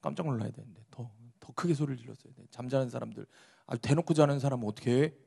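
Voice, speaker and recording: A man preaching a sermon as a pastor, telling a story dramatically and swinging between loud and hushed delivery. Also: mid-range voice, racing, vocal fry, husky.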